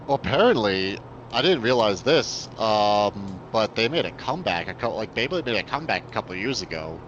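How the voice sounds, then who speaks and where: A man's voice: lowish voice, big pitch swings, fairly quick, a bit bright. A man co-hosting a casual hobby stream, talking in a rambling way with lots of restarts. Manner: rambling, many fillers and restarts. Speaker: co-host. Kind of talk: casual chat. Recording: dull lo-fi sound, faint noise.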